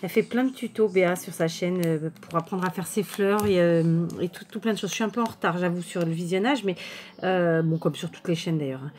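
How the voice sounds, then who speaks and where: A woman's voice: fairly low pitch, fairly quick, slight background noise. A woman chatting casually to her viewers while unpacking crafting mail, full of fillers and restarts. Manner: chatty, many fillers and restarts, warm thanks. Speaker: crafting YouTuber. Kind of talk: casual chat showing mail and purchases.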